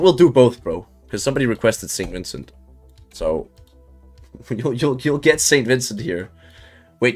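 Laid-back man streaming a game. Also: mid-range voice. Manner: loose and chatty, swears, laughs often, many restarts. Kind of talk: casual live-stream game commentary.

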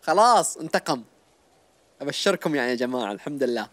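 A man giving excited let's-play commentary, shouting his reactions. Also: mid-range voice, quick pace, no room sound. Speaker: gaming youtuber.

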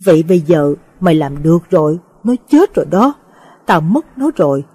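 A woman voicing a grief-stricken, bitter old man in an audio story, low and husky. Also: big pitch swings, normal speed, dark tone, no echo, exaggerated voice.

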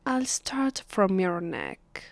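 In this hushed ASMR roleplay, a voice actress from Italy, speaking with an Italian accent, becomes a proud, possessive vampire mistress who talks down to and orders her captive. Her mid-range voice swoops wildly in pitch, she speaks extremely slowly in an exaggerated manner, and the close, dry mic catches no echo.

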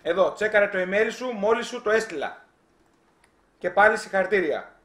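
Man, live-stream host, high voice, teasing and animated, echoey room. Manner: teasing, animated, reads chat aloud. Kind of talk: casual live-stream chat.

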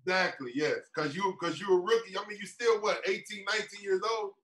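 A man's voice: sits high, fairly quick, a bit bright, husky. A man co-hosting a sports talk show, chiming in and joking along with the guest. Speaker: show co-host. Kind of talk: casual chat.

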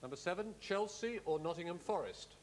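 A middle-aged man hosting a televised cup draw, speaking in a measured, courteous, official way. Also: high voice, expressive, slight background noise. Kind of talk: formal live announcement. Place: studio-style hall set with audience.

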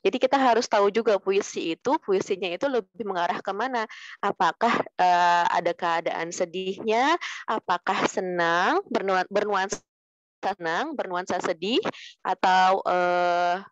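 Gentle woman teacher coaching children. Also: mid-range voice, dry recording. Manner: gentle, calls pupils "sayang" and "Nak", slows to demonstrate. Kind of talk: poetry reading lesson for children. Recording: dry, muffled lo-fi recording.

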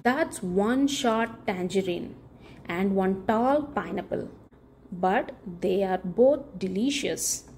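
This children's book reader and channel host, a woman, speaks at a medium pitch as she reads a picture book to young kids, stressing important words and posing questions expressively and deliberately. A slight hiss or hum can be heard.

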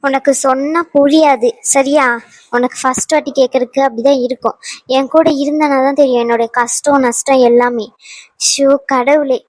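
A woman's voice: sits high, fairly even intonation, moderate pace, no echo, close to an everyday voice. A woman voicing a strong-willed young wife in a cartoon dub, talking emphatically and scolding. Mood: determined. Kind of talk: cartoon dubbing.

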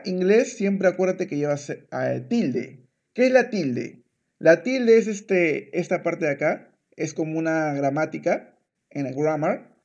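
A man tutoring a student through a one-on-one Spanish lesson, speaking very slowly. He is patient, repeats each word, and often slips into English to explain. His fairly high voice comes through a dull, lo-fi recording. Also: a little mellow. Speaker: Spanish teacher.

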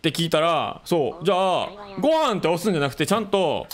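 A man with a Kansai accent talks casually on a live stream, gushing and laughing as he reacts. His voice sits a little high and swings widely in pitch. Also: very animated, quick pace. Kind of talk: casual chat reacting to a video.

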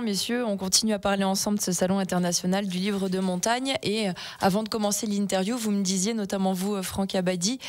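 A young woman hosting a radio interview in a studio, asking fluent, engaged questions. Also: mid-range voice. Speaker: radio host. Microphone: studio mic with headphones.

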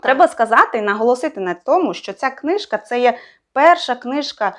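Woman giving a halting spoken book review. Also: fairly high pitch, lively intonation, a bit bright. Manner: hesitant, thinks aloud with many fillers and self-corrections.

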